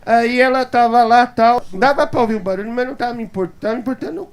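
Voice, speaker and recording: A man telling a comic anecdote as a guest on a talk show, animated and chuckling as he acts out the quoted voices of others. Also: very high-pitched, quick pace, heavy background noise. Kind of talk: comic anecdote told to a live audience. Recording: live talk show with audience laughter. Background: studio audience laughter.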